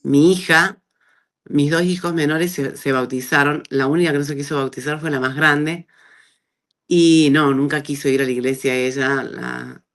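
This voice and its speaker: A middle-aged woman with an Argentine accent, telling her personal testimony in a conversational way and acting out the dialogue she quotes. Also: moderate pace. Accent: Argentine Spanish. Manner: animated storyteller who acts out quoted dialogue with big pitch jumps. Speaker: guest giving a testimony.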